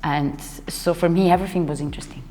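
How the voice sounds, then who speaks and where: Warm in tone, steady and on the low side, a young Italian dancer and choreographer chats as an interview guest. She often searches for words, restarts sentences and laughs. Faint music and hall reverb accompany her.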